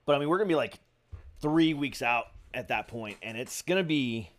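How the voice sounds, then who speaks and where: Laid-back man in his forties, lively pitch. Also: normal speed. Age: 40s. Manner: laid-back, swears and laughs often. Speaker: podcast host. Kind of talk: casual chat.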